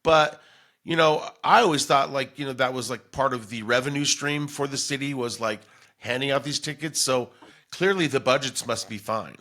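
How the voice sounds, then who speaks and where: The voice is medium in pitch and normal in speed, with a pushed, bright quality. It belongs to a middle-aged American man from Denver hosting a podcast, meandering through casual conversation and stories.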